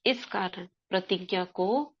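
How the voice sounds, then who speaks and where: A woman's voice: mid-range voice, slow pace, lo-fi sound, a little hiss or hum. A woman explaining a spiritual text to a class in a conversational way, quizzing her listeners.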